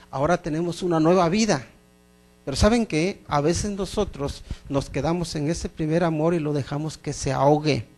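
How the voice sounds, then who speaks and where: A middle-aged man preaching a sermon as pastor, emphatic, repeating phrases and asking the congregation questions. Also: fairly high pitch.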